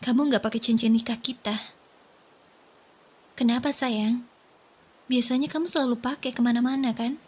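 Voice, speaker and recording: A woman voicing a soft, breathy worried young wife. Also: a little high, fairly even intonation, normal speed, pauses often. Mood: gentle. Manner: gentle, coaxing, pleading. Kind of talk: whispered role-play.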